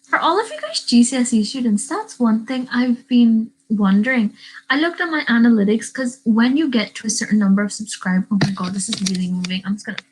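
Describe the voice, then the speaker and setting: Animated and fairly quick, a teenage Northern Irish girl livestreams on YouTube, rambling and fielding live chat questions. Her fairly high voice has a breathy edge, and the webcam recording is low quality.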